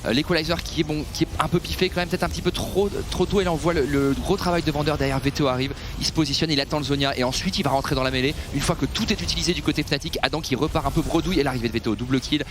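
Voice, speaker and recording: A man's voice: fairly high pitch, rapid-fire, hardly any pauses, noisy background. A man giving analytical esports commentary, breaking down team fights and replays.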